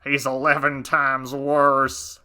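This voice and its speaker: A man's voice: mid-range voice, completely flat delivery, takes it slowly, bright, forceful tone, clear, resonant tone. A man voicing a weary, exasperated male pet owner on a storybook record. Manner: exasperated, groaning.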